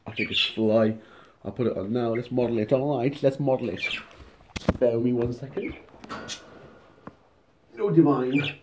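Holding his phone at arm's length, a young man vlogs casually from his home kitchen, joking in slang. His medium-pitched voice stays steady, a little slow, with frequent pauses, in a roomy recording with background noise.

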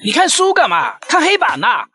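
A cheeky, scolding schoolroom cartoon character in a comedy skit. The delivery swings up and down in pitch and is full of Mandarin internet slang. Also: wildly swooping pitch, moderate pace, bright, forceful tone, heavily acted. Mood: indignant.

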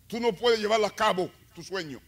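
A male evangelist preaching a sermon, telling stories and rising to loud climaxes with call-and-response. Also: high voice, brisk. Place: church.

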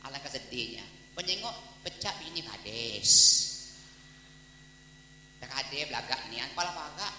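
A man's voice: mid-range voice, moderate pace, pauses often, a little hiss or hum. A man preaching a humorous sermon in a Palembang Malay accent, telling stories and acting out dialogue. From Palembang, Indonesia. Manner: lively storytelling, mimics dialogue, breaks into song snippets. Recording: echoey hall with long reverb.

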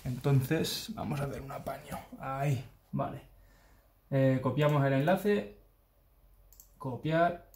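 Male vlogger, thirties, Peninsular Spanish accent, informal chat to camera, middle pitch. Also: slow pace, long pauses, darkish tone, slightly rough. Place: room at home, indoors. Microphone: phone close to face.

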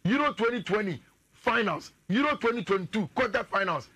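This Ghanaian English-accented radio analyst, a man in his thirties, talks football energetically while standing and gesturing at a screen in the studio. He speaks briskly in a high-pitched voice.

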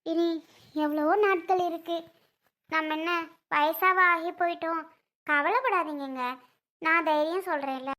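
A woman playing a gentle young wife who coaxes and comforts her crying husband. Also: very high voice, steady tone, measured pace, long pauses, full character voice. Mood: soothing. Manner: soothing, coaxing.

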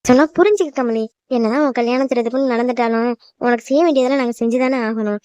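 A woman's voice: on the high side, quick pace, darkish tone, clean tone, no echo, natural voice. A woman voicing a worried, loving cartoon mother who fusses and pleads with her newly married daughter. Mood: fussing. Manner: fussing, emotional, pleading. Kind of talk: cartoon voice acting.

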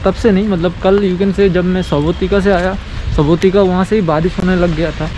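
A man's voice: high-pitched, steady tone, a little fast, poor audio. A young man in his twenties chatting casually as a travel vlogger, rambling while walking outdoors with a camera at arm's length. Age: 20s. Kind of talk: casual vlog narration. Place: outdoors on rainy city streets. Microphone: handheld action camera at arm's length. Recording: loud street noise.

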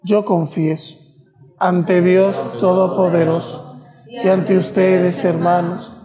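Male priest, mellow dark voice, solemn measured delivery, long chapel echo. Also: high-pitched, little pitch movement, faint music behind. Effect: long echoing reverb of a chapel. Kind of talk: celebrating Mass. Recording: chapel reverb, broadcast Mass.

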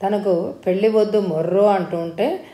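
A woman narrating a story in a steady, even storytelling manner as an audiobook reader. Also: medium pitch, normal speed. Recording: roomy echo.

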